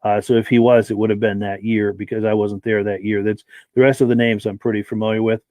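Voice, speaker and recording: Hosting a live podcast, a man reads viewer comments aloud and thanks each person by name. His throat is dry and his voice is giving out. He speaks quickly in a lowish, dark voice with little pitch movement, and there's no echo.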